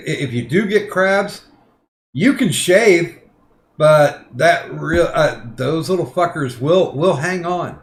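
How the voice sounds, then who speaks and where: A slightly high-voiced man trades crude, casual banter on a podcast, hesitating often with lots of ums and restarts. He delivers his jokes deadpan.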